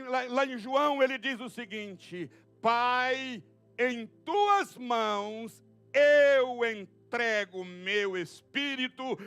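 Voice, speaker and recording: Male pastor, high tenor, fervent sermon delivery with sudden shouts and near-whispers. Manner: swings from loud shouts to hushed murmurs, speaks in tongues. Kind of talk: Pentecostal sermon. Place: church sanctuary.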